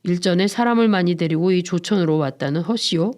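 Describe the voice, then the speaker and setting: A woman voicing a dignified, gruff old man in his seventies who is grieving, in a dramatized book reading. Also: on the low side, brisk, a little mellow, close to an everyday voice. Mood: curt. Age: older. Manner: curt, gruff, lamenting.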